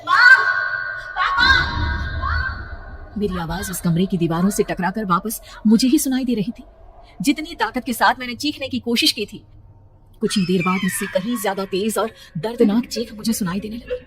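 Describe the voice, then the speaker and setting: A woman telling a first-person horror story in a tense, dramatic, hushed manner. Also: mid-range voice, brisk. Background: background music.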